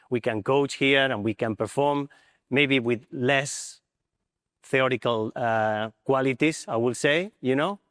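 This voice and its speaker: A man's voice: medium pitch, fairly bright tone, no room sound, studio quality, long reverb tail. Man, thoughtful and hesitant. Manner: thoughtful, hesitant with fillers in non-native English. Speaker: assistant coach. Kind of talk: panel interview on stage.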